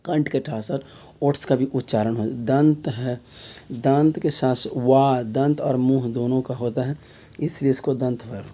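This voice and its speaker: A man's voice: mid-range voice, steady tone, measured pace, dark tone. A man teaching an exam-prep grammar lesson, explaining step by step and repeating key terms back as questions. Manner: frequent filler tags mid-sentence.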